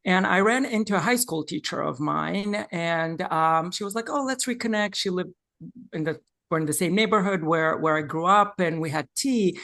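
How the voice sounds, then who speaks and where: A man from Serbia in his forties, giving thoughtful, measured interview answers as a Reiki practitioner. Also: high-pitched, gravelly, fairly bright tone.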